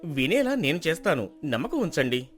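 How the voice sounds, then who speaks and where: A man's voice: fairly high pitch, big pitch swings, fairly bright tone. An actor playing an earnest young man from the village who argues persuasively and pleads with the elders. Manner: earnest, quick, pleading argument. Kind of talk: storybook drama acting.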